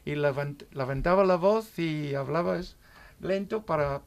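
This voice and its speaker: Gravelly English man speaking halting Spanish. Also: on the high side. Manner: halting, frequent "¿bien?" checks. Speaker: guest. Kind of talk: casual radio chat.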